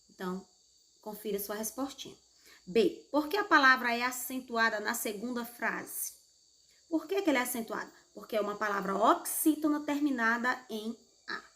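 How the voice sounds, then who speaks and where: A woman's voice: on the high side, fairly bright tone. A Brazilian woman teacher going through textbook exercises with her pupils in a patient, explanatory way, often checking in with "né?" and "certo?". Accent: Brazilian Portuguese. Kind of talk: recorded class lesson correcting exercises.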